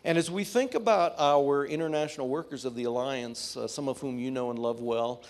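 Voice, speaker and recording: Give me a male pastor giving a livestreamed sermon, heard through livestream audio, reading scripture aloud and often pausing on "uh". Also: medium pitch. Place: church sanctuary.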